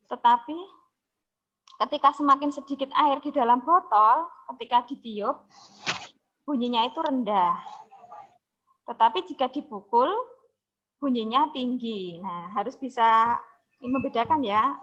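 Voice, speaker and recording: A woman's voice: a little high, highs cut off. A woman science teacher giving an online exam review lesson, explaining step by step, repeating key words and checking in with her students. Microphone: video call.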